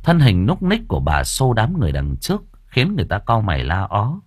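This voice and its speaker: A man narrating a story in a lively, expressive reading. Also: fairly low pitch, fairly quick, breathy edge, no echo, clean studio sound. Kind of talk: audiobook narration.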